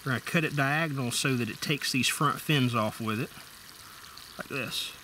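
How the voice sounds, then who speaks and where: A middle-aged man with a drawl explains each step in a plain, folksy way. His voice sits at an ordinary pitch. A water pump hums clearly behind him at an outdoor camp. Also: moderate pace, bright, forceful tone. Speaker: outdoor survival vlogger. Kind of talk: casual how-to demonstration. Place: outdoor camp table in the woods. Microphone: camera mounted overhead. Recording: water pump noise in background.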